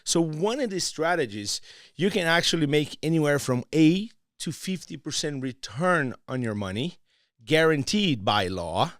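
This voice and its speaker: A man's voice: fairly high pitch, animated, moderate pace, fairly bright tone, dry recording. Brazilian-accented man, dry close sound. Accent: Brazilian Portuguese. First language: Portuguese. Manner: playful and teasing, then earnest and persuasive. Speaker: guest. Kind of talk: casual podcast interview.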